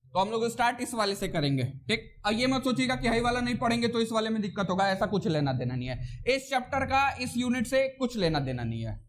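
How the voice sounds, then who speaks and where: A man with a very high-pitched voice lectures a physics class in speech. He talks in a loose, chatty way, repeating checks like "theek na" and teasing or scolding the students as he goes. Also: big pitch swings, fast talker. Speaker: physics teacher.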